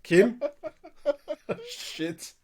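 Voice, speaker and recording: A man's voice: extremely high pitch, huge pitch swings, drawn-out words, crowd noise. A man co-hosting a ghost-story podcast, joking around, swearing freely and laughing often. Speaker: podcast co-host.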